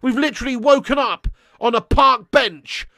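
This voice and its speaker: A man hosting a football watchalong, ranting and swearing heavily with sudden shouts. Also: extremely high pitch, moderate pace, dry recording. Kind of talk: live match reaction rant.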